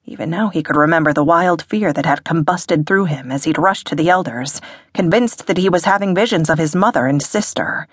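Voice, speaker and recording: A woman reading an audiobook in a measured, dramatic narration. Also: sits low, slightly rough, no echo, clean studio sound. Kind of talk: scripted narration.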